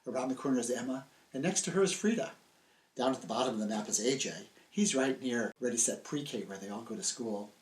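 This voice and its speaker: Speaking to young children in simple, emphatic phrases, an older American children's author presents and tells stories in a friendly, scripted manner from a small book-lined room. His mid-range voice is animated and fairly quick. The recording quality is rough.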